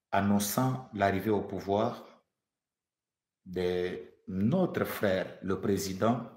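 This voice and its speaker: A man from the Democratic Republic of the Congo preaches a fervent prophetic sermon, repeating phrases for emphasis and stammering whenever he restarts. His voice is lowish with a darkish tone, and the sound is roomy.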